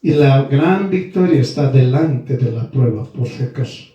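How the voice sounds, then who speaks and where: A man preaching a sermon, slow and emphatic, repeating key phrases and addressing his listeners as brothers and sisters. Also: medium pitch, animated, warm tone, muffled recording. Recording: very echoey room, voice from far off.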